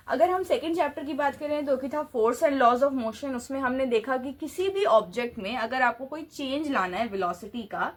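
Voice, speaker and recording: Woman teacher, high voice, patient classroom explainer who poses questions and restarts phrases. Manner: explains step by step with rhetorical questions; mixes English terms into Hindi. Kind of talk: classroom physics lesson.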